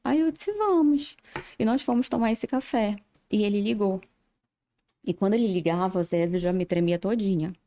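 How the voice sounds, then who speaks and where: A woman's voice: medium pitch, brisk, dark tone. A woman giving earnest personal testimony as a podcast guest, often acting out remembered dialogue.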